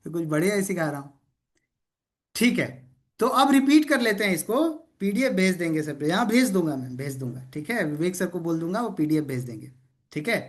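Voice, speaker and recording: Energetic male trainer on a video call. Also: sits high, a little fast. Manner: energetic call-and-response, keeps checking in with "okay?"; playful teasing of participants. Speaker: sales trainer. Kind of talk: interactive online training session.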